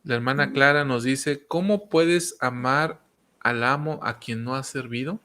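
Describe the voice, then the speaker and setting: Un hombre que modera un programa religioso, lee comentarios de los oyentes y da la palabra a los participantes. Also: male voice, medium pitch, unhurried, bright, forceful tone. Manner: reads comments aloud, gives the floor to others. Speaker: discussion host. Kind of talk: moderating a church discussion.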